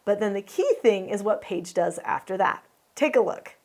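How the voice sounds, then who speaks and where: A woman's voice: mid-range voice, animated, normal speed. A woman hosting, earnestly explaining a home video to viewers and asking them questions. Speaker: host and parenting teacher.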